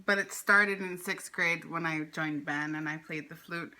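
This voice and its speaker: Woman, twenties, from Hawaii, interview guest, easygoing, giggly, bright tone. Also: deep voice, fairly even intonation, a little slow. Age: 20s. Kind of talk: casual conversational interview.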